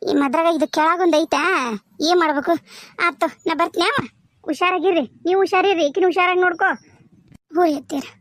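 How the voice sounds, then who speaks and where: A woman's voice: extremely high pitch, steady tone, fairly quick, pauses often, no room sound. A woman voicing an anxious village wife caring for her husband in a cartoon, with a North Karnataka Kannada accent. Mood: practical. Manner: soothing, practical. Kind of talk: cartoon voice acting.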